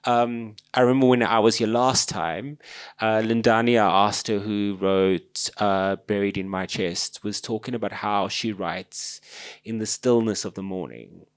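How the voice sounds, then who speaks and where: A woman with a Durban South African accent, interviewing casually and haltingly, searching for her words. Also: very deep voice, fairly even intonation. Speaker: interviewer at a book event.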